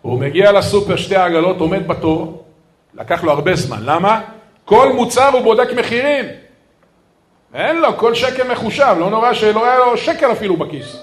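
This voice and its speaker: Man, rabbi, storytelling sermon, slightly high pitch, lively, talks straight to his listeners. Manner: lively storytelling, addressing the crowd as "guys". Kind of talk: sermon with stories.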